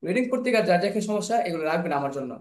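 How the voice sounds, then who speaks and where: A man teaching English pronunciation in an online class, slowly repeating sounds and words over and over. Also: sits high, expressive, a little mellow. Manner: slow, repeats sounds and words many times. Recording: echoey room.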